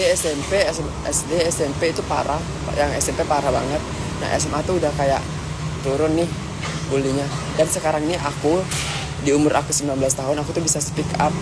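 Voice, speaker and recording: Young speaker from Jambi, 19, earnest, rambling, lots of fillers, street interview, heavy traffic noise behind. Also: medium pitch. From Jambi, Indonesia. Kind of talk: casual motivational talk. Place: outdoors on a city street.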